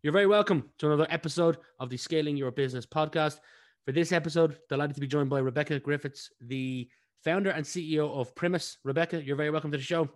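A man's voice: on the high side, fast talker. A man hosting a business podcast, asking questions in a friendly, upbeat way. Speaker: podcast host. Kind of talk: interview hosting.

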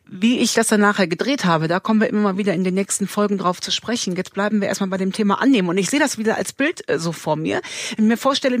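A woman's voice: mid-range voice, no echo, studio quality. A woman hosting her own podcast, telling a personal story in a candid, conversational way with vivid images. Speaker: podcast host and author. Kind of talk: personal reflective monologue.

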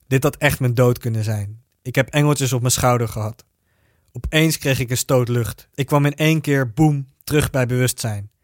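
A man reading a first-person story aloud in a steady, even narrating voice. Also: mid-range voice, moderate pace, no room sound, clean studio sound.

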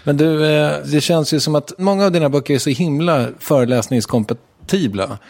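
Gravelly man asking curious questions. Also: on the high side, a little mellow. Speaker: interviewer host. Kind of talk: casual interview talk.

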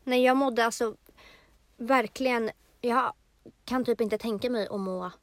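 A woman's voice: on the high side, no echo. Earnest young woman, dry close mic. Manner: earnest, slow and reflective retelling. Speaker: podcast co-host. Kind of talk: personal casual chat.

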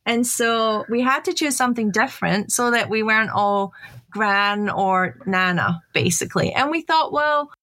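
A woman's voice: on the high side, normal speed, bright, forceful tone, no echo. A middle-aged woman from Scotland with a Scottish accent, chatting upbeat as an interview guest and laughing often. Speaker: guest, chief digital officer. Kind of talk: casual interview chat.

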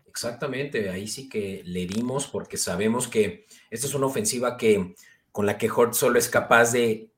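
A man's voice: mid-range voice, normal speed, a bit bright. A man co-hosting a casual sports show, eagerly running through player stats. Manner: enthusiastic, fantasy-stat focused. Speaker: podcast co-host.

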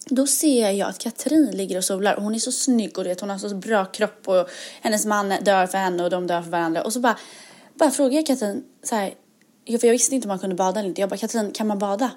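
Chatty young podcast woman. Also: medium pitch. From Sweden. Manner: lively, chatty, mixes English words into Swedish. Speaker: podcast co-host. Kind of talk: casual chat.

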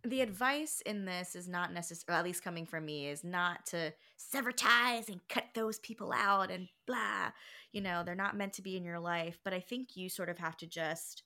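A woman's voice: on the low side, brisk, hardly any pauses, fairly bright tone, clear, resonant tone. A woman in her thirties co-hosting a casual podcast, speaking reflectively and meandering through her ideas with many fillers. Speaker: podcast co-host.

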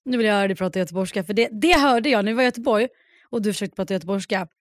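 A woman in her thirties from Södermanland, co-hosting a podcast in lively, teasing casual chat on a close mic. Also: mid-range voice, no echo. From Södermanland, Sweden. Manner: lively, teasing, laughs often. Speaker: podcast co-host.

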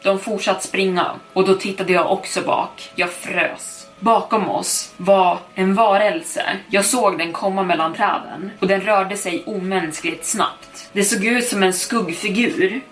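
A young adult woman tells a first-person scary story in a measured, suspenseful way. Her voice sits fairly low, with quiet music underneath. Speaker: podcast storyteller. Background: faint music.

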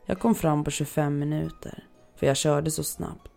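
A horror story narrator reading submitted tales in an even, measured delivery. The voice is gravelly with a dark, mellow tone. A faint music bed runs quietly under the reading. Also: medium pitch. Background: faint background music.

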